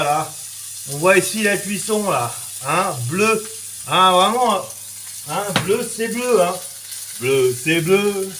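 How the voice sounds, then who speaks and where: A man's voice: a little high, fairly bright tone, a little hiss or hum. A man from France giving a casual cooking demonstration in a kitchen, chatty and full of little verbal tics and sound effects. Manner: chatty, lots of "hein" and "voilà", sound effects. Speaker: cooking teacher. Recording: echoey kitchen, sizzling pan. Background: frying and sizzling.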